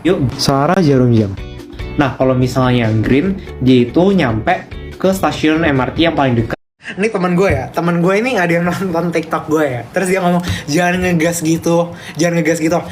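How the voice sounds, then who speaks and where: Over soft background music, a young livestreamer with a Medan accent reads his chat aloud. His voice is a little high and moderately paced, and he casually rants back at viewers' comments with real emphasis.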